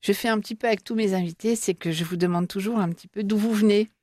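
A woman's voice: medium pitch, fairly even intonation, quick pace, darkish tone, no room sound. A woman hosting a studio interview show, asking questions in an encouraging way with frequent fillers and restarts. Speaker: show host. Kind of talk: interview conversation.

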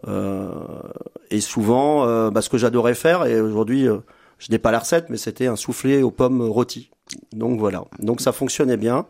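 In this radio interview, a chef and restaurant owner from France, aged in his fifties, keeps stumbling, restarting sentences and filling pauses. His mid-range voice is creaky and a little mellow, delivered at an ordinary pace.

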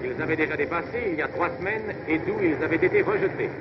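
A man's voice: fairly high pitch, expressive, quick pace, muffled recording, very noisy. A man narrating a 1940s newsreel in a formal, declamatory way, heard from an old newsreel soundtrack.

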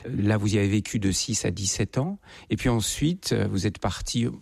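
A man working as a radio interviewer, asking measured questions and summing up his guest's life story. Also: on the low side, vocal fry, a little mellow, breathy edge, dry recording. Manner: measured, guiding questions with summaries.

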